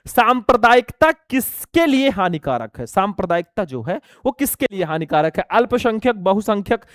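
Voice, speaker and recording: A young man teaching an exam lesson loudly, almost shouting as he goes through multiple-choice questions and calls the students kids and brothers. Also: very high voice, smooth, dry recording, studio quality. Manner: loud, near-shouting delivery; addresses students as bachelon and bhaiya.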